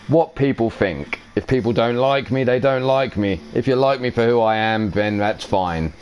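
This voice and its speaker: A man's voice: lowish voice, a little mellow, smooth. A man with a brash, profane manner, answering an in-character interview as a wrestler and chuckling now and then.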